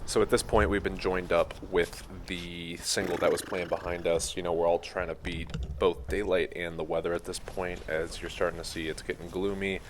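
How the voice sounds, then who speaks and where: A man narrating his golf trip in a relaxed, conversational vlog style. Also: deep voice, moderate pace, hardly any pauses. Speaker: golf vlogger. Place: outdoors on a golf course. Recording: noisy outdoor recording.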